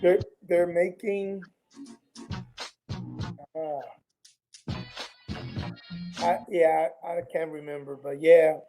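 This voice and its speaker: A man chatting casually as a show guest, speaking haltingly and repeating words as he searches for the next one. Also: a little high, flat delivery, over music, poor audio. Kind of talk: casual chat.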